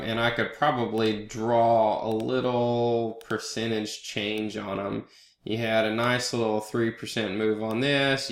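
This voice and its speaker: With a head cold and a bright voice at medium pitch, a trader hosts his market analysis vlog, casually narrating charts over a screen recording. The room is echoey, and he speaks loosely and conversationally, adding fillers and asides like "right?".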